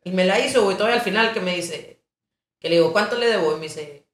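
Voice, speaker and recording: A young woman hosts a casual conversation. She tells stories in a slangy, animated way. Her voice is heard in an echoey room. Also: medium pitch, fast. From northern Mexico. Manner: slangy, expressive storyteller. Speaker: podcast host. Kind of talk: casual chat.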